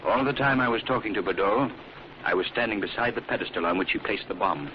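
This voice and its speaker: An actor playing a commanding, calm and ominous crime-fighting vigilante in a theatrical, solemn 1940s radio style. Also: male voice, on the low side, fast talker, close to an everyday voice. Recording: muffled, noisy old radio recording.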